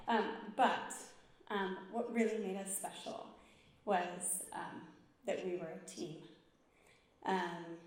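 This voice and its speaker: Woman, medium pitch, informal and hesitant honoree speaker, echoey room with faint noise. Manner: self-deprecating, hesitant. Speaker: award honoree, former team member. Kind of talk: informal acceptance speech.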